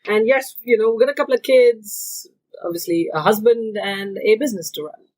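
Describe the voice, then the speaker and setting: A woman's voice: a little high, a little fast, a little mellow, poor audio. A woman from India, a business owner, answering interview questions in a matter-of-fact way.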